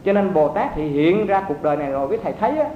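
A man with a high voice gives a dharma talk to a room of monks, telling stories and asking his listeners to follow along. His voice carries through a roomy, echoing hall. The recording is dull and lo-fi, with a faint rumble behind it. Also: big pitch swings, fast. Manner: storytelling, asks listeners to check understanding. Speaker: Buddhist monk teacher.

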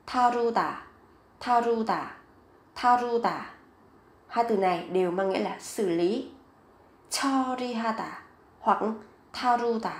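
High-voiced woman teaching vocabulary. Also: reverberant. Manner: repeats each word slowly and clearly. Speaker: Korean language teacher. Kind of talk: vocabulary lesson.

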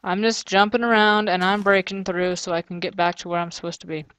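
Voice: mid-range voice, little pitch movement, a little fast, fairly bright tone, smooth, dry recording. A gamer giving casual let's-play commentary, thinking aloud, grumbling and joking sarcastically. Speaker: gamer playing through a custom map.

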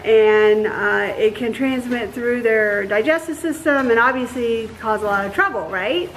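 A woman's voice: a little high, measured pace, a little hiss or hum, poor audio. Casual woman farmer, 30s, talks easy with lots of ums, camera a few feet off in a barn. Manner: relaxed, explanatory, with fillers. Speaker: dairy farmer, co-host. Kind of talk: casual farm vlog talk. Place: open-sided barn outdoors.

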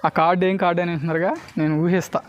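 A man's voice: sits high, flat delivery, very fast, muffled recording, slight background noise. A man with a Telugu accent giving street performer patter for a card trick, mixing in English words and constantly checking that spectators follow. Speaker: street magician.

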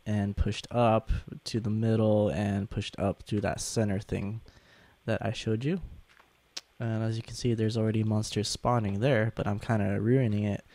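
Slow, sore-throated young man with creaky voice. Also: lowish voice, darkish tone, no room sound. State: sick with a sore throat, swollen-tonsils sound. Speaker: gaming video host. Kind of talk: casual gameplay commentary.

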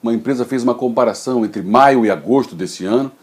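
A man's voice: mid-range voice, fast talker, a little mellow. A man in his forties hosting a daily tech news video from his home office, talking informally and gesturing, recorded on a desk webcam.

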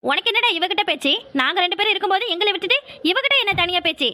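Woman as a bright, snappy, jealous cartoon girl. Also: very high-pitched, lively intonation, very fast, no echo, clean studio sound, heavily acted. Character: jealous bickering young female cousin.

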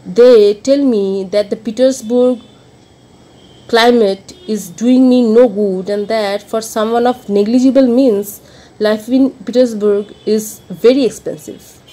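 A woman reading a first-person novel aloud as an audiobook, expressive and dramatic, moving between rueful murmurs and emphatic outbursts. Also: on the high side, slow, rough recording. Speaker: audiobook reader.

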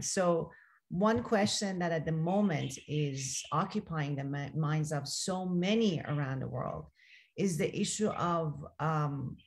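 A moderator of an online panel, enthusiastic and hesitant, asking long questions on a video call. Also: medium pitch.

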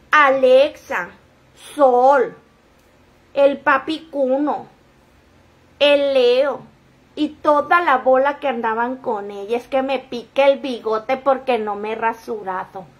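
A woman's voice: high voice, takes it slowly, long pauses, muffled recording. A woman hosting a gossip show, chatting and acting out what people said. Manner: chatty, acting out quoted dialogue with sudden outbursts. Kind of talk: casual gossip commentary.

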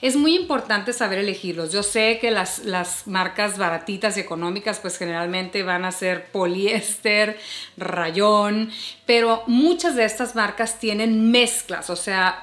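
Forties woman vlogger, friendly advice to camera, recorded in an echoey bedroom. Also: mid-range voice. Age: 40s. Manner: warm chatty tips, addresses viewers as "hermosas". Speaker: fashion and beauty vlogger. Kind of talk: casual advice vlog to camera. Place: bedroom, seated before a bed. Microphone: camera at chest framing. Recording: roomy bedroom echo.

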